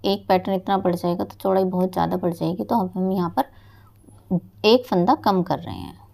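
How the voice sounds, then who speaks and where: A woman's voice: on the low side, normal speed, vocal fry, darkish tone. A woman patiently giving a step-by-step knitting tutorial, explaining each stitch and speaking directly to her viewers as friends. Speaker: knitting teacher.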